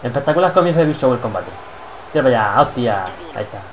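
A man's voice: mid-range voice, animated, fast, slight background noise, rough recording. A young man with a Spanish accent from Spain, giving rowdy, swear-filled commentary while playing a wrestling game and taunting his opponent. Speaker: gameplay commentator. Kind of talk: excited let's-play commentary.

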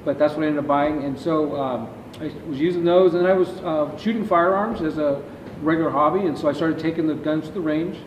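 A middle-aged company founder answers interview questions at length inside a large warehouse with shelving, gesturing with his hands as he explains. His voice is on the high side and brisk, captured by a distant camera as dull, echoey audio with background noise.

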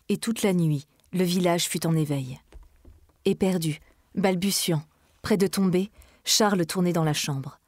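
A woman reads a classic novel aloud in a measured, dramatic way. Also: fairly low pitch, a little mellow, no echo, studio quality. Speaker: reader. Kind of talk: literary reading.

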